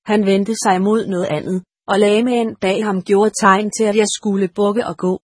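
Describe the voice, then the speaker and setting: Woman audiobook narrator, steady and measured, breathy, dry close mic. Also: mid-range voice, no room sound. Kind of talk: first-person audiobook narration.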